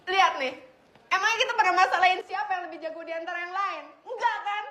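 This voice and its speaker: A woman's voice: very high-pitched, fast, sharp tone. A woman playing a brash, teasing teenage girl from a group of friends. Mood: earnest. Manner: brash and teasing, then earnest. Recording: echoey room with faint noise.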